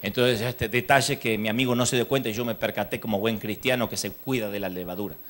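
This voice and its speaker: At a live church conference, a man with a Rioplatense Spanish accent preaches a humorous sermon, talking fast in a lowish voice. He tells animated stories and acts out the dialogue.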